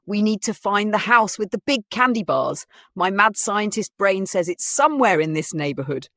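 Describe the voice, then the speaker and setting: Teasing, scheming mad-scientist pony mare, as a woman puts her on; a touch higher than the narration. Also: lively intonation, normal speed, a bit bright, no room sound, clean studio sound.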